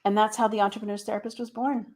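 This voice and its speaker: A woman's voice: mid-range voice, flat delivery, rapid-fire, a little mellow. A middle-aged woman speaking as an interview guest and therapist, explaining things in a casual, conversational way. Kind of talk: casual interview, telling a career story.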